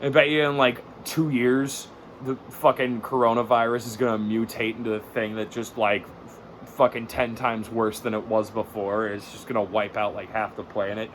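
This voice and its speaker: A man's voice: lowish voice, flat delivery, normal speed, slight background noise. A man in his thirties hosting a podcast, ranting in a profane, sardonic, rambling way and laughing at his own jokes. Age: 30s. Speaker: podcast host. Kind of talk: comedic rant.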